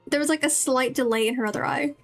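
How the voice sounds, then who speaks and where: A fast-talking woman with a high-pitched voice gives loose, chatty game commentary to her viewers during a livestream, with game music behind her.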